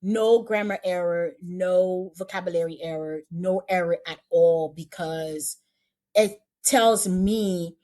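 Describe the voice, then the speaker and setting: A woman's voice: on the low side, takes it slowly, warm tone. A woman casting director chatting in an interview, repeating and restarting her phrases as she talks. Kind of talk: casual interview chat.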